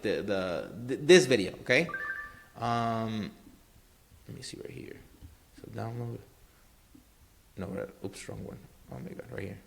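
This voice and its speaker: A man talking through a screen-share tutorial in a casual, rambling way. His pitch sits in an ordinary middle range. He leans on fillers and keeps checking in with the viewer. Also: gravelly, a little hiss or hum. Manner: rambling, filler-heavy, keeps saying obviously and right. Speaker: marketing tutorial host.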